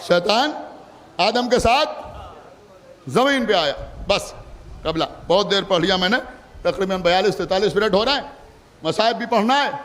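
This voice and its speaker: A male cleric with a Lucknow Urdu accent preaches a mourning sermon in a strikingly high voice. He drops to quiet asides, then rises to loud declaiming. The sound carries the long reverb of a large hall. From India. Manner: swings between soft asides and loud declaiming. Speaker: Shia cleric. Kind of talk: Muharram majlis sermon.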